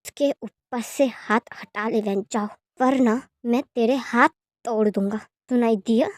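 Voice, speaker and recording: A woman voicing a fierce, protective young man in love who pleads earnestly and forcefully. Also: a little high, a little slow, no echo, studio quality, natural voice. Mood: threatening.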